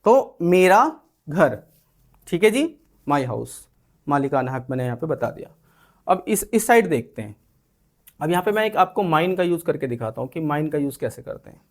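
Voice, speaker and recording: Indian man teaching English, slightly high voice. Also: big pitch swings, fairly quick. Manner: explains with acted example lines and frequent "ठीक है". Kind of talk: spoken English lesson.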